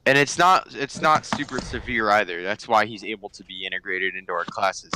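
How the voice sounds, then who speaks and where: A young man co-hosting a casual podcast, firing off quick quips and laughing often. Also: fairly low pitch, pushed and bright, slight background noise, rough recording. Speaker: podcast co-host.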